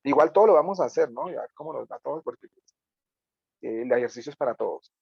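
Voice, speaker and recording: A man's voice: mid-range voice, expressive, quick pace, creaky, husky, no room sound, highs cut off. A man teaching a radio workshop over a video call, giving loose, talkative feedback and acting out lines as examples. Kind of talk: online class feedback.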